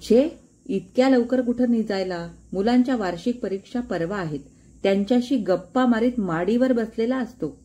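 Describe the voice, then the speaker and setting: A woman's voice: fairly high pitch, normal speed, warm tone, natural voice. A woman voicing an irritable household manager who sneers at the boys and tattles to their father. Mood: sneering.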